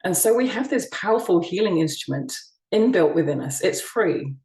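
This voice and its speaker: A soft-spoken woman from the United Kingdom, a sound healing practitioner, giving a gentle summit talk with frequent ums and restarts. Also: fairly low pitch, animated, moderate pace, echoey room, recorded from a distance, poor audio. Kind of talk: online summit presentation.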